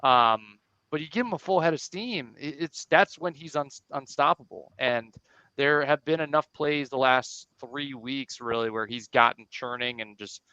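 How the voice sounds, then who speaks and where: A man co-hosting a sports podcast, giving quick, energetic game analysis in casual chat. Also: medium pitch, smooth, no echo. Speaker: podcast co-host. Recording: dull lo-fi sound.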